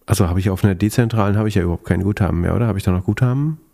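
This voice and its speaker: A man's voice: sits low, rapid-fire, creaky, dark tone. A man hosting a podcast, chatting casually and analytically about finance, often thinking aloud hesitantly.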